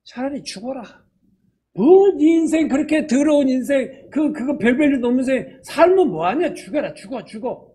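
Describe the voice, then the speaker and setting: A man voicing a tempting male devil who murmurs despairing taunts, in a soft hissing voice. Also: very high voice, expressive, normal speed, breathy edge, exaggerated voice. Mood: taunting.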